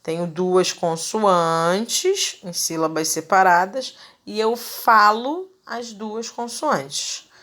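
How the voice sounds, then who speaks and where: A woman's voice: mid-range voice, slow pace, hardly any pauses, fairly bright tone. A woman teacher giving a recorded grammar lesson, enunciating example words carefully and checking in with her students in a friendly way. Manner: friendly, checks in with "tá bom, gente?".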